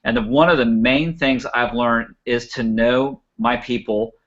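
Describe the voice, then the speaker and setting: A man hosting a live web show, talking fast and enthusiastically in a radio-announcer manner. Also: mid-range voice, fairly bright tone, muffled recording. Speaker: show host.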